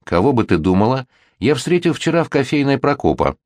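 A man's voice: mid-range voice, sing-song, fairly quick, a little mellow, no room sound, studio quality, pitched above the performer's own voice, close to an everyday voice. A man voicing a firm, worldly middle-aged father who lectures his daughter, in a read-aloud storybook. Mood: stern.

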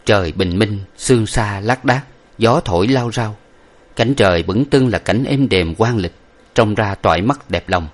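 A man reading an old novel aloud in a steady storybook narration. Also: lowish voice, unhurried.

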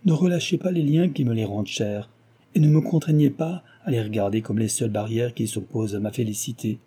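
A man's voice: mid-range voice, fairly quick, dark tone, husky, close to an everyday voice. A man voicing an ardent, passionate young suitor in an audiobook, pleading with energy. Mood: impassioned. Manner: impassioned, pleading.

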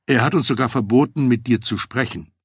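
A man's voice: medium pitch, fairly quick, husky, dry recording, studio quality. A male narrator voicing flustered, regretful male FBI agent colleagues in an audiobook. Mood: apologetic.

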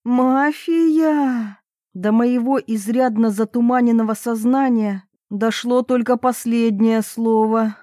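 Female audiobook narrator, fairly high voice, wry first-person storytelling, dry close sound. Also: little pitch movement, unhurried, few pauses, dark tone, no echo.

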